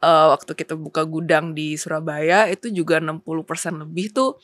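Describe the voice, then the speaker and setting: A woman's voice: low voice, fairly even intonation, brisk, no room sound. Woman explaining facts in casual chat. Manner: explains with figures, many fillers, mixes in English words. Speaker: guest expert, company co-founder. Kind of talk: casual talk show interview.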